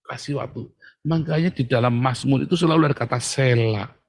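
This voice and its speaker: A man preaches in a relaxed, conversational way, joking with his listeners. He leans hard on key words, then drops to a near hush when urging calm. His voice sits at an ordinary middle pitch. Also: a little fast, no echo. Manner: chatty, joking, swings between loud emphasis and hushed calm. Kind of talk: casual sermon.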